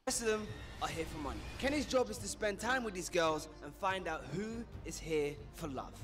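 Male show narrator, high voice, upbeat, music bed underneath. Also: expressive, brisk, a bit bright. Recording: played-back show audio with music.

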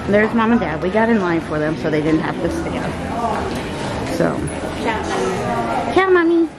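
A woman's voice: medium pitch, very animated, measured pace, a loud crowd, rough recording. A woman, chatting casually to viewers as a cruise vlogger, filming on a handheld phone. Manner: chatty, addresses viewers directly, upbeat. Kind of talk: casual vlog narration. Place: cruise ship and terminal, then car. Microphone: handheld phone camera at arm's length.

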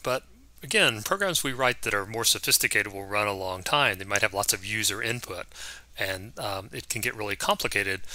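A male instructor talks through a recorded lesson in a loose, conversational way, often pausing with an um or restarting a phrase. His voice is very bright and forward. The sound is dry and close, with no room echo. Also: lowish voice. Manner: relaxed and conversational, with frequent ums and restarts. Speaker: course instructor. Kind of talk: recorded lecture.

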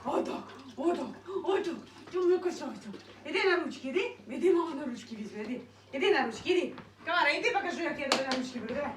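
A woman with a high voice talks to her dogs in a cooing, babying way, snapping out short commands in between. She is heard from some distance in a roomy, echoing space. Faint noise runs underneath. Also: animated, rapid-fire, few pauses, fairly bright tone. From Ukraine. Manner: cooing baby talk to dogs, with firm commands. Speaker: dog breeder. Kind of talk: casual talk to her dogs.

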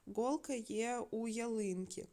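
A woman teaching a primary school lesson for video, giving slow, clear instructions and sounding words out syllable by syllable. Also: on the high side, warm tone. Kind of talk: recorded remote lesson.

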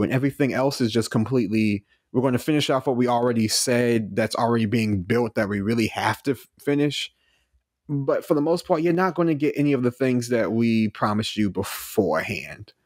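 A man talking casually on a podcast, emphatic and informal, dropping slangy asides. His voice sits at an average pitch. The recording is close and dry. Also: darkish tone, no echo. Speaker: podcast guest.

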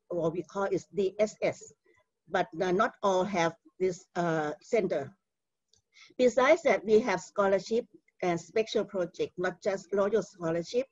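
Over dull lo-fi video call audio, a middle-aged Thai-accented woman delivers a conference keynote. Her fairly low, slightly mellow voice comes across carefully and haltingly, full of "uh" fillers, with no room sound.

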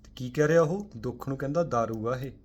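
A man giving a Sikh spiritual talk to viewers. He speaks forcefully, asks rhetorical questions, swings between loud emphatic bursts and quiet low asides, and mixes in English words. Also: fast.

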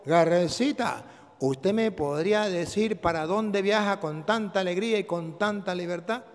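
Storybook cloud, female, curious and gentle, hushed, put on by a male preacher; roomy hall sound. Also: high-pitched, moderate pace. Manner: hushed, quiet questioning.

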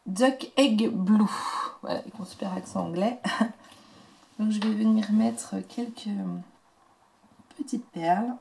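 A woman hosting a casual craft tutorial, talking through each step in a chatty, soft-spoken way and murmuring quietly as she works. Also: mid-range voice.

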